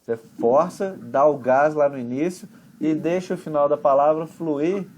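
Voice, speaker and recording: A man with a Brazilian accent, an English teacher explaining pronunciation in a chatty, relaxed way with homely examples. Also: fairly high pitch, moderate pace, highs cut off, slight background noise. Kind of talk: conversation class explanation.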